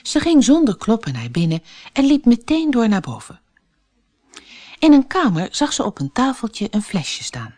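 Expressive woman reading a fairy tale. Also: on the high side, normal speed. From Netherlands. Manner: expressive, storybook narration. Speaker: storyteller.

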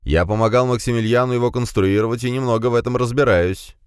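A man's voice: mid-range voice, fast, clear, resonant tone, no room sound, clean studio sound, pitched above the performer's own voice, lightly acted. A man reading a storybook, voicing a careful male technician who explains things. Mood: cautious. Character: knowledgeable male technician, cautious.

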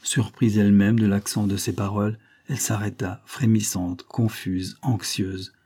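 A man narrating a novel as an audiobook in a measured, dramatic reading style. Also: fairly low pitch, little pitch movement, mellow.

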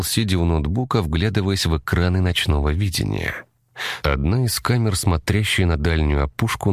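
Man, very low voice, expressive melodic delivery, scripted audiobook narration, dramatic pacing. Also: no room sound, clean studio sound.

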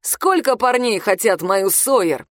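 A woman voicing a drunk, crude, boastful high-school heartthrob boy in a storybook reading, loud and drawn-out. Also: expressive, no room sound, studio quality, close to an everyday voice.

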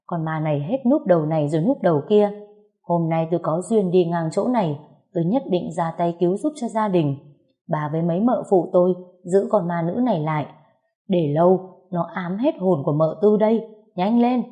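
Bossy loud fake shaman woman, put on by a female narrator. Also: fairly low pitch, moderate pace, natural voice. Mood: commanding. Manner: barking, domineering orders.

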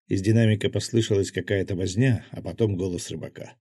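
A male audiobook narrator with a low, husky voice that is mellow and dark. He reads the story steadily. The sound is dry and close. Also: fairly even intonation, a little fast, dry recording. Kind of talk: scripted narration.

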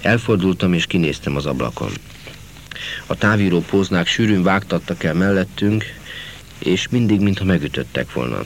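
A man narrating a literary novel in a measured, earnest reading. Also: sits low, expressive, slight background noise. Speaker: audiobook narrator.

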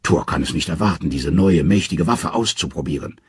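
Deep, raspy, dramatic audiobook narrator man. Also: animated, brisk, a little mellow, no echo. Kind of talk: scripted storybook narration.

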